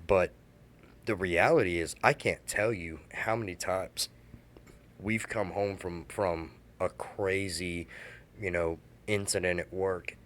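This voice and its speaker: A man in his thirties telling a candid personal story, halting and emotional, with many restarts. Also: low voice, fairly even intonation, fairly bright tone.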